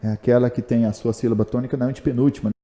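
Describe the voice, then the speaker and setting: Speaking very fast with fairly even intonation, a Brazilian man explains chemistry step by step in a casual video lesson. His medium-pitched, dark voice carries a Brazilian Portuguese accent and a big-room sound, and he asks himself questions, answers them and cracks self-mocking jokes.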